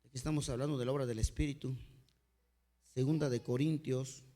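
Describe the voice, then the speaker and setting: A man's voice: medium pitch, steady tone, brisk. A male pastor with a Mexican accent, preaching a sermon through heartfelt personal stories. He keeps calling his listeners "brother" as he builds each point. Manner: earnest storytelling, often addressing listeners as "hermanito"; dynamic delivery, sudden swings in loudness.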